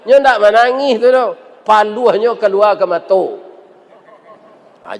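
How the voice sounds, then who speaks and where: A preacher with a Minangkabau accent gives a humorous sermon, joking, questioning the audience and acting out quotes. His voice is high-pitched, with a long reverb tail.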